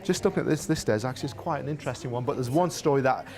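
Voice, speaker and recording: A man's voice: mid-range voice, animated, rapid-fire, darkish tone, soft background music. A man presenting a regional business TV show, chatting with his co-host and narrating reports in a jokey, self-mocking way. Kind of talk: studio chat and voice-over narration.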